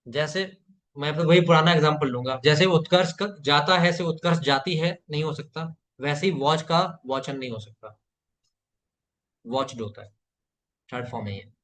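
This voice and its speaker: A man's voice: on the high side, normal speed, fairly bright tone. A man teaching a live online spoken English class, patiently repeating phrases for learners to echo and praising students by name.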